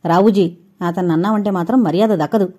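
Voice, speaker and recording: Lady doing angry young heroine, sharp and raised, warm tone. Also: medium pitch, fairly quick, slightly rough, close to an everyday voice.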